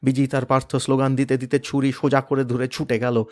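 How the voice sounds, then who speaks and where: A man reading a novel aloud in a dramatic, expressive manner, sometimes dropping to a hush. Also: medium pitch, brisk. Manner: expressive, varied, hushed at moments. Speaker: reader of a novel.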